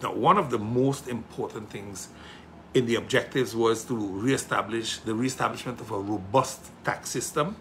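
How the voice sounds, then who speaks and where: A middle-aged man gives impassioned political commentary, emphatic, with rhetorical questions that build to loud indignation. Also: mid-range voice, slight background noise. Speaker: political commentator hosting a show.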